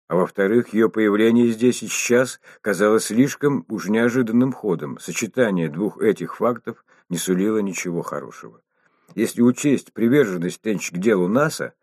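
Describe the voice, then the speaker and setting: A man narrating an audiobook in a steady, measured reading style. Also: deep voice, no room sound, studio quality. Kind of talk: scripted narration.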